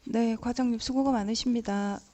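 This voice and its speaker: A woman council member asking a department head a polite, deliberate question. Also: a little high, steady tone, warm tone. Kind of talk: questioning officials.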